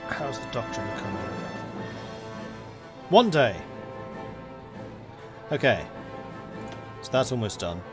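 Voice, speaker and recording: Over music, the young streamer with an English accent speaks slowly in a medium pitch, pausing often. He's relaxed and rambling, chatting with viewers and reading out game events during play.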